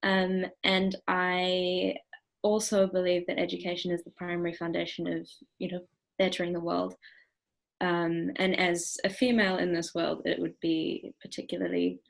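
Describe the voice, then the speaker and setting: A woman's voice: lowish voice, vocal fry, rough recording. A young woman from New Zealand, a university student, speaking on a panel with hesitant ums. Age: young adult. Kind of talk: casual panel talk.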